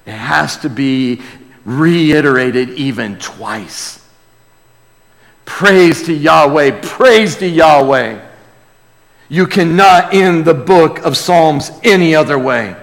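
Before a congregation in a large church hall, a man preaches a sermon and reads scripture with emphatic, reverent delivery. His voice is on the high side, animated and slow, and the amplified live sermon echoes through the reverberant hall.

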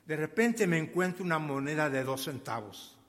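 A man's voice: fairly high pitch, big pitch swings, normal speed. Elderly man preaching in an echoing hall. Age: 80s. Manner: emphatic, questions the congregation, tells stories. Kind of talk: sermon. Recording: long hall reverb.

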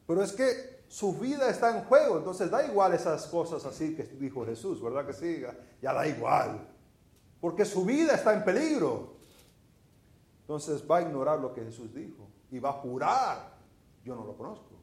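A middle-aged Venezuelan man preaches a sermon with a Venezuelan Spanish accent, his voice sitting a little high for a man. He talks like he is telling a story to friends and keeps asking the congregation rhetorical questions. The sound is roomy, with the echo of a church hall. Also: sing-song, moderate pace, darkish tone.

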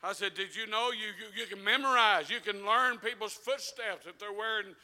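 High, bright-voiced preacher. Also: male voice, normal speed. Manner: folksy storytelling with fervent preaching swells. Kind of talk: sermon.

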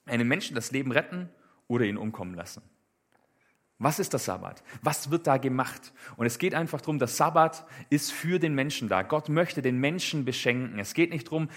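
A man's voice: on the high side, fairly bright tone. A man preaching a casual sermon in a conversational way, with many fillers and rhetorical questions.

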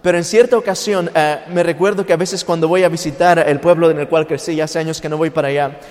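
Preacher in a long-reverb hall. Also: male voice, a little high, fairly even intonation, quick pace, darkish tone. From Mexico. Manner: emotional storytelling, acts out quoted voices, mixes in English. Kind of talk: sermon with personal testimony.

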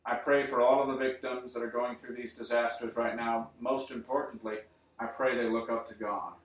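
A male preacher giving an earnest sermon to his congregation, building up to emphatic points and then easing into quiet appeals. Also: mid-range voice, little pitch movement, moderate pace. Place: church. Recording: roomy church sound, mic at a distance.

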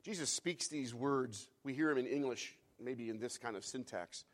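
Male pastor, mid pitch, sermon delivery swinging from hushed to fervent, repetitive emphasis. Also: normal speed. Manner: builds from hushed reflection to fervent, loud climaxes; repeats phrases for emphasis, some restarts and fillers.

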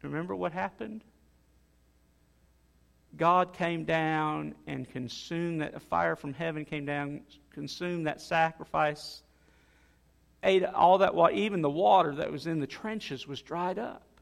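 A male pastor preaches in a relaxed, conversational way, pausing on fillers and restarting his sentences. His voice sits rather high and has a gravelly fry. Long reverb trails behind him, as in a large hall. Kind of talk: sermon.

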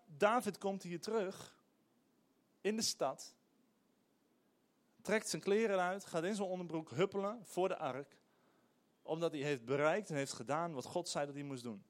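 Animated man preaching a sermon. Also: fairly high pitch. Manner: animated, emphatic preaching with hesitations. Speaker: pastor.

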